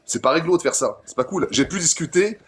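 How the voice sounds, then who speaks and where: A man's voice: on the high side, expressive, fairly quick. A man in a casual online debate, talking argumentatively and restating his points with emphasis and repeated words.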